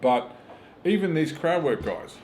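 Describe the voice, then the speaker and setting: A middle-aged Australian comedian with a slightly high, darkish voice is very animated but keeps a measured pace. In casual chat he curses freely and delivers emphatic stories, acting out quotes. A little hiss or hum is audible.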